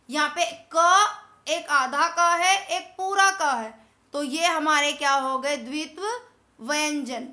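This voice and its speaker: A woman's voice: sits high, bright, forceful tone. A woman teacher explaining a grammar lesson to children step by step, repeating words and asking questions back.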